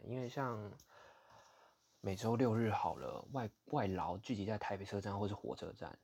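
Host, Taiwanese man with a Taiwanese Mandarin accent, deep husky voice, candid storytelling with a blunt, indignant edge. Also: darkish tone. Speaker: podcast host. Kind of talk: casual storytelling monologue.

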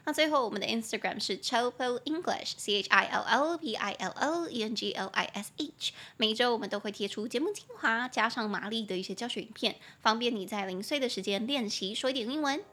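A woman with a Taiwanese Mandarin accent hosting a solo English-lesson podcast, chatting casually and spelling words out slowly letter by letter. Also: on the high side, lively intonation, pushed and bright, breathy edge. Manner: chatty, opinionated asides. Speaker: podcast host and English teacher.

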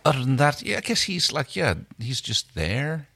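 A man's voice: mid-range voice, big pitch swings, moderate pace, vocal fry, fairly bright tone, no room sound. A man co-hosting a podcast, chatting casually about a TV series, agreeable and sometimes searching for words. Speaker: podcast co-host. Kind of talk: casual chat reviewing a TV series.

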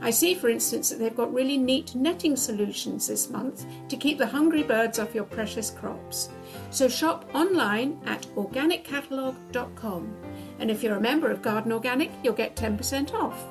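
A woman's voice: a little high, normal speed, over music. A woman hosting a gardening podcast, talking in a chatty, enthusiastic way with her co-host. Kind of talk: casual chat.

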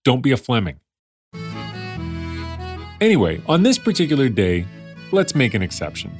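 A man's voice: mid-range voice, wildly swooping pitch, normal speed, a little mellow, faint music behind. A man narrating a scripted story in a conversational way, with wry asides to the listener. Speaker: podcast narrator.

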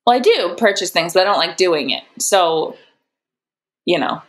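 A woman's voice: lowish voice, animated, moderate pace, lightly acted. A woman playing a sassy suspect in an improvised comedy interrogation, rambling through hesitant explanations. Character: evasive female suspect, sassy.

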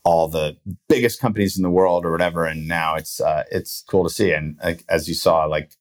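A man's voice: sits low, fairly even intonation, a little fast. A man hosting a podcast interview, easygoing and full of casual fillers. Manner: easygoing, lots of "like" and "you know". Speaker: podcast host.

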